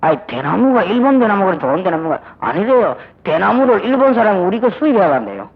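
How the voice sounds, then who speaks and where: A man's voice: high-pitched, big pitch swings, fast talker, vocal fry, slightly rough. An older man preaching a sermon as pastor, with a Gyeongsang accent and emphatic delivery, acting out little dialogues. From Busan, South Korea. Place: church sanctuary. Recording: dull old audio recording.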